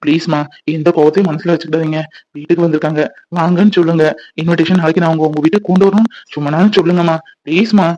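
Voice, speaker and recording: A man's voice: on the high side, steady tone, mellow, no room sound, muffled recording, lightly acted. A man playing a pleading young husband. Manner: pleading, coaxing, quick.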